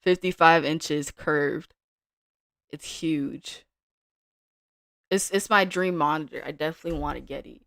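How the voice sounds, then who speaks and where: Relaxed woman thinking aloud on stream. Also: low voice, unhurried, creaky, pauses often, no room sound, studio quality. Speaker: day trader streaming live. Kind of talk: casual live-stream commentary.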